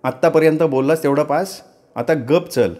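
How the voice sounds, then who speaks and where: A man's voice: on the high side, normal speed, darkish tone, lightly acted. A male storyteller voicing a bold young village woman who answers in a defiant, mocking tone.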